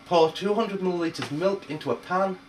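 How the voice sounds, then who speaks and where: A man's voice: high voice, moderate pace, a little hiss or hum. A young man, cooking on camera and grumbling in bemused, exasperated chat. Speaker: amateur cook.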